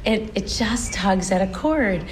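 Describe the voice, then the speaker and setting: In her forties and from the United States, this woman is a stage performer telling her family story in a casual interview. Her mid-range voice is expressive and unhurried, earnest but full of restarts. There's slight background noise.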